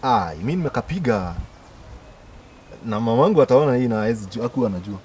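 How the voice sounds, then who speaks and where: A Kenyan man speaks very quickly in a casual, confessional way, mixing Swahili and English. His pitch is ordinary, and there is clear outdoor noise around him. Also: lively intonation, a little mellow. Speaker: guest. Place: outdoor garden. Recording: clearly noisy outdoor ambience.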